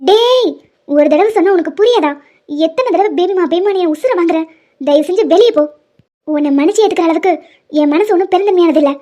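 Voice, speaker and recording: A woman's voice: very high-pitched, fast talker, mellow. A woman playing an angry young mother who scolds and rejects the man who wronged her. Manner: scolding, exasperated. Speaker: female lead. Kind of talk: animated love-story dubbing. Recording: dull lo-fi audio with faint music.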